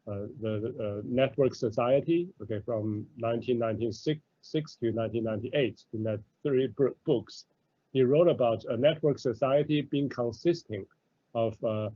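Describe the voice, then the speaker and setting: A middle-aged man gives an academic lecture over a video call, halting and dotted with fillers and "okay"s. His voice is mellow and dark, heard close and dry with no room around it. The audio is dull and lo-fi. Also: medium pitch, no echo. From mainland China. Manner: hesitant, many fillers and "okay"s. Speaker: professor giving a talk.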